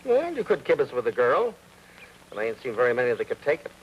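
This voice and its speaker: An actor playing a brash, flirtatious mechanic in 1940s film comedy style. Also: male voice, medium pitch, huge pitch swings, fast talker, dull audio, a little hiss or hum. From Brooklyn. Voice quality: brash, wisecracking. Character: wisecracking flirtatious Brooklyn mechanic.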